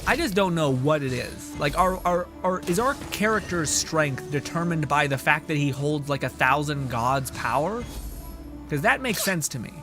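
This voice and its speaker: Background music accompanies a young man streaming games in a slightly high, animated voice at a moderate pace. He keeps up casual, joking, sweary live commentary and talks with his viewers.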